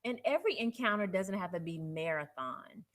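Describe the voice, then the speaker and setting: A woman co-hosting a casual relationship advice chat, playful and quick to laugh as she acts out everyday examples. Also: mid-range voice, animated.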